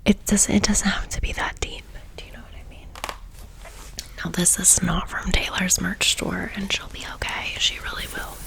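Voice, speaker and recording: A woman chatting casually in an excited, gushing whisper for an ASMR video, with playful slang. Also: fairly low pitch, moderate pace, creaky. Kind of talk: whispered ASMR merch haul chat.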